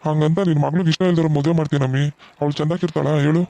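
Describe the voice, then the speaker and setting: Man playing a reassuring village dad in a cartoon, fast, gravelly, dark-toned, flat delivery. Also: fairly high pitch, natural voice. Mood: fretting. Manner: soothing, reassuring. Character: gentle middle-aged village father, reassuring. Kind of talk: cartoon voice acting.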